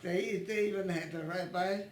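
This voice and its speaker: A woman in her nineties, born in Italy and raised in Italy and Switzerland, recalling her past in an oral history interview at her home, speaking haltingly and restarting often as she searches for words. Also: lowish voice, steady tone. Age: 90s. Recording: roomy echo in a home.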